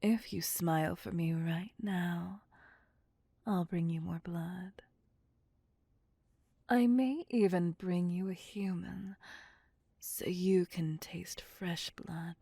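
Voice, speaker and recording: The speaker is a voice actor doing an ASMR roleplay as a female vampire who holds her listener captive: possessive, cocky, sadistic and playfully menacing. Her husky, breathy whisper is slow, seductive, teasing and domineering, smug in mood, with a fairly low pitch, warm tone, exaggerated delivery and no echo.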